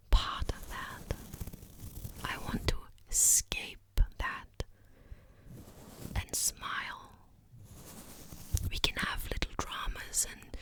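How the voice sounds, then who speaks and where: A woman whispering breathily in a casual ASMR ramble, very close to the microphone at the ear, often repeating words. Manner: slow, gentle pacing with repeated words. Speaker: ASMR content creator.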